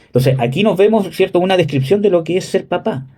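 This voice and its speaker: A man in his thirties preaching a sermon in a conversational way, often checking with listeners and pausing on fillers. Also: high-pitched, lively intonation, darkish tone. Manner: conversational, frequent "¿cierto?" and "¿me entiende?" checks; hesitant fillers, "¿cómo se llama?". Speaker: pastor.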